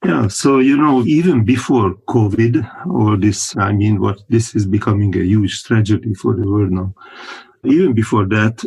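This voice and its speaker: A man talks through his answers at an unhurried pace, pausing often to find the right word. His voice sits a little low and has a husky edge. He sounds like a guest speaking from home over a remote call. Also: darkish tone, poor audio. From Hungary. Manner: unhurried and thoughtful, many pauses, chuckles between thoughts. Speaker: guest, company founder. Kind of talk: casual interview talk.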